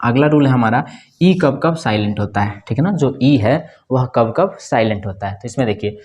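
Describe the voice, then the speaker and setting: A man's voice: medium pitch, expressive, moderate pace, darkish tone. A man teaching an English pronunciation lesson, explaining rules step by step, often asking a question and answering it himself and checking in with the class. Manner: frequent checking fillers like "okay, right".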